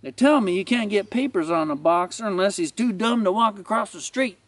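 A man's voice: high voice, fairly quick, fairly bright tone, dry recording, distant mic. A man voicing a cocky, wisecracking male ranch dog who taunts with a mocking drawl. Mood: taunting.

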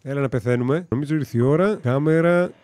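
A man's voice: mid-range voice, darkish tone, dry recording. A man giving casual let's-play commentary in a joking, sarcastic way with mild swearing. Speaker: gaming commentator.

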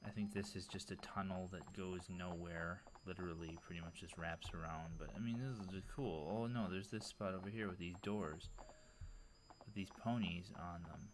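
Man, very low voice, loose enthusiastic game-tour commentary; hissy home recording. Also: steady tone, normal speed. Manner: rambling, filler-heavy, enthusiastic. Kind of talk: casual gameplay commentary.

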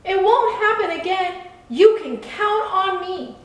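A woman doing a playful, earnest young lighthouse who longs for fun. The voice sits high and moves slowly, in a boomy room away from the mic. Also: expressive, full character voice. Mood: eager. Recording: echoey room from far off.

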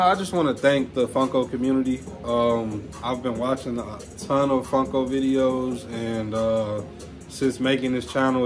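A man casually chatting through a toy unboxing, relaxed and slangy, often calling listeners "man". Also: mid-range voice. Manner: laid-back, slangy, says "man" often. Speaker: toy review vlogger.

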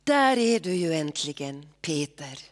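A woman reading as a gentle, bewildered old man. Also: low-pitched, big pitch swings. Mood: puzzled.

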